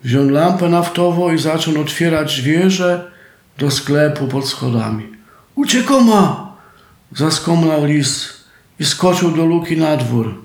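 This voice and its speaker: A man's voice: on the high side, a little slow, roomy sound. A man with a Silesian accent telling a folk tale in a homely dialect style. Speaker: storyteller.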